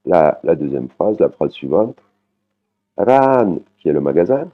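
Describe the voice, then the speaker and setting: A male Thai teacher with a very low voice gives an online language lesson, explaining patiently with big pitch swings. He often tags sentences with "hein" and repeats Thai words slowly. The audio is muffled and phone-like.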